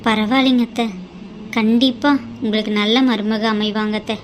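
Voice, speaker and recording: A woman voicing a humble, dutiful young bride in a cartoon drama, speaking in a soft, reassuring way. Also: fairly high pitch, fairly even intonation, moderate pace, soft background music, lightly acted. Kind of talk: cartoon voice acting.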